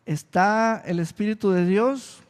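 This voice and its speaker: A male pastor preaching a sermon slowly and deliberately, repeating key phrases for emphasis. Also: high voice, clear, resonant tone. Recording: long reverb of a church hall.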